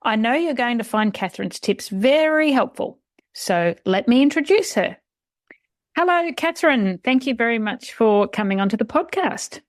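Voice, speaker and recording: A woman's voice: on the high side, lively intonation, no echo. Polite woman podcast host, dry sound. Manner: polite, encouraging, measured. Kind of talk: scripted intro then interview chat.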